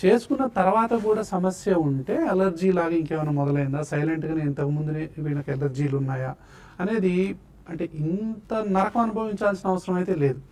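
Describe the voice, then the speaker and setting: A man's voice: on the high side, brisk, darkish tone. A man speaking as a doctor on a TV health show, patiently explaining causes and treatments one after another. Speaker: doctor answering health questions.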